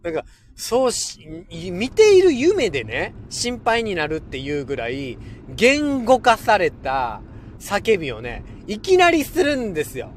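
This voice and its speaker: A man's voice: high voice, huge pitch swings, unhurried, slight background noise. A man in his forties with a Kansai accent, hosting a casual solo podcast, chatty and often laughing. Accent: Kansai Japanese. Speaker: podcast host.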